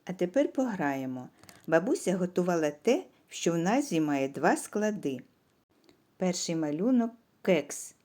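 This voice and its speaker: A patient woman teacher speaks slowly and clearly to small children, asking questions and pausing for the answers. Her voice sits a little low and sounds warm and mellow. She draws words out and stresses each syllable in turn. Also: very animated. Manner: patient, asks questions and leaves pauses for answers. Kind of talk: slow, clear lesson for young children.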